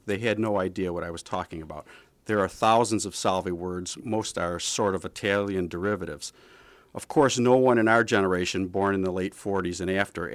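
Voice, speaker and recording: A man's voice: on the low side, no echo. An older man reading a humorous piece aloud, wry and playful, drawing out local pronunciations. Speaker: contributor reading his story.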